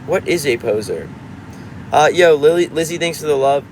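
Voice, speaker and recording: A man's voice: on the high side, lively intonation, normal speed, a little hiss or hum. A man in his twenties, a musician chatting casually on a livestream, reading out comments and rambling with frequent restarts. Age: 20s.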